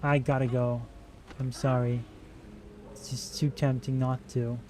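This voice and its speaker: A man's voice: mid-range voice, little pitch movement, unhurried, noisy background. A man streaming a video game who chats casually, rambling while he plays and answering his chat. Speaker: gaming streamer. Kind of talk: casual let's-play commentary.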